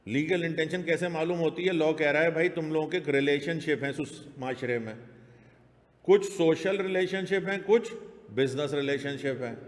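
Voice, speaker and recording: A man with a Pakistani accent lecturing a classroom on law, emphatic and repeating key phrases for students to echo. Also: a little high. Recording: long-reverb classroom hall.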